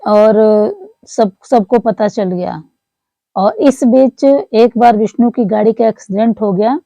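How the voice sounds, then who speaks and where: A woman's voice: a little high, unhurried, gravelly, dark tone, no echo, rough recording. A woman recounting a story to her viewers in earnest, repetitive commentary, often calling them friends. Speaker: commentator on online creators.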